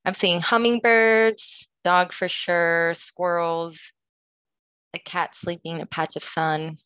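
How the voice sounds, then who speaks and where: She speaks slowly and flatly in a low, slightly bright, smooth voice, with no room sound in the recording. As a student organization advisor from Los Angeles, California, she presents informally at an online conference session, somewhat hesitant and often using fillers.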